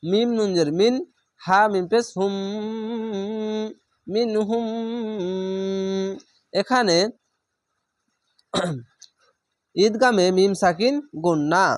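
A man with a fairly high voice leads a slow reading lesson. He sounds out each letter and vowel mark, then blends them into whole syllables, repeating patiently. The recording is close and dry. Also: no room sound. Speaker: Quran reading teacher.

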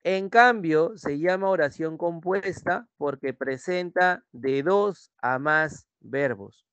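A young man with a Peruvian Spanish accent gives a pre-university language lesson. His voice sits a little high and sounds dry and close. He repeats each point and keeps checking that students follow. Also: slow pace, a bit bright, clean tone, dry recording, lo-fi sound. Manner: repetitive, checks in with students using "¿sí?". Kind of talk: online class lecture.

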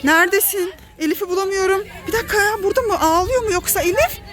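A woman with a Turkish accent narrates a family pretend-play vlog as a mother talking to her kids. Her voice sits very high, and she fills it with excited, dramatic warnings. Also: quick pace. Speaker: mother filming her children.

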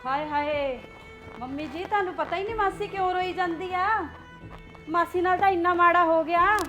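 A woman's voice: very high voice, moderate pace, lo-fi sound, over music. A young woman acting a scheming niece who talks in a meddling, mocking way. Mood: prying. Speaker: niece in a family drama. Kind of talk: Punjabi short film acting.

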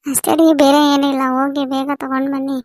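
A doting village mother , played by a woman, fusses and insists in a high voice with a gravelly edge. She holds an even, narrow pitch, and the recording is dry and close. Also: quick pace, no echo. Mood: fussing. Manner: fussy, insistent. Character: doting village mother fussing over her daughter. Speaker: mother in a family skit. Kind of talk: amateur village family skit.

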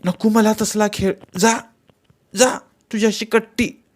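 Guy doing a sassy young village girl, high and snappy, storybook reading. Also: expressive, normal speed. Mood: scolding. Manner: pert, scolding.

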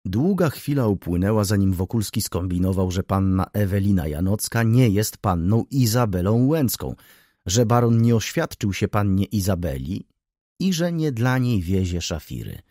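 A man narrating a classic novel as an audiobook in a measured, expressive reading. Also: lowish voice, no echo, clean studio sound.

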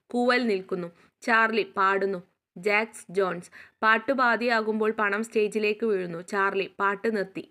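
A woman's voice: medium pitch, fairly bright tone. A woman teacher reading a school lesson aloud, going steadily through a play script and study notes with a few small slips.

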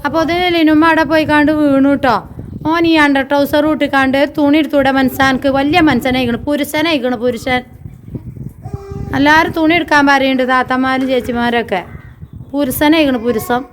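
Chatty high-voiced woman vlogging at home. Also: fairly even intonation, fast talker, a little hiss or hum. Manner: chatty, addresses viewers directly. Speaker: family vlogger. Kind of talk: casual home vlog.

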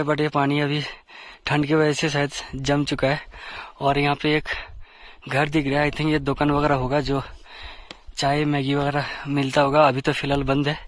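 A man vlogging outdoors while climbing a steep snowy trail, out of breath and talking slowly between breaths to his viewers. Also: a little high, heavy background noise. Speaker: travel vlogger. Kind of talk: casual vlog narration while trekking. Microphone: handheld camera while walking.

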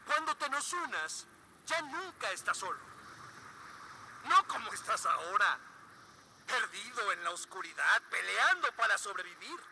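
A menacing, coaxing cult preacher from a video game. His high voice moves slowly and incantatorily, swinging from hushed to insistent, with clear ambient noise behind it. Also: heavily acted, rough recording.

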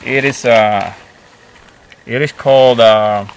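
Seated on a rock outdoors in the woods, this man in his fifties vlogs about hiking in a relaxed way, stumbling through fillers and restarts. He speaks slowly and steadily in a mid-range voice, captured on a rough recording.

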